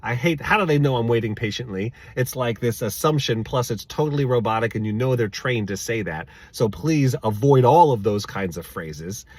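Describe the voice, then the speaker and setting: A man's voice: mid-range voice, expressive, moderate pace, hardly any pauses, no echo. Emphatic man with a dry, close voice. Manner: emphatic and exasperated, repeats key words. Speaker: sales coach. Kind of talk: storytelling advice monologue.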